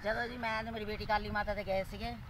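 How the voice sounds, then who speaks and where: A woman's voice: mid-range voice, little pitch movement, fast, fairly bright tone, recorded from a distance, a little hiss or hum. A woman in her forties with a Punjabi accent, talking casually as an interview guest outdoors. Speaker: social media comedian being interviewed. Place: outdoors in a leafy park.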